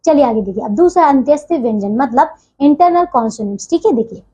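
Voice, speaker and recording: A woman teaching a grammar lesson to children, slowing down to spell out each sound and checking in again and again. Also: high voice, lively intonation, dark tone, husky. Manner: repeats "ठीक है" as a check-in, slows to spell out sounds. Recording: dull lo-fi audio.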